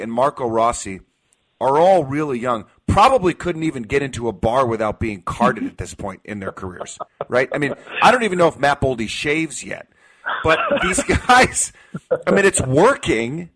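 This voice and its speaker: An opinionated American sports radio host, medium in pitch, hammers his arguments by repeating key phrases. His tone is fairly bright and sing-song at a moderate pace, and the audio quality is poor.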